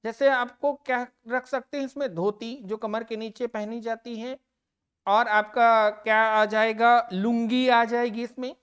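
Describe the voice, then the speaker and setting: Her voice a little high, steady and clean in tone, a woman teacher works through exam-prep grammar. She goes slowly and with care, repeating each answer word and leaning on it for her students.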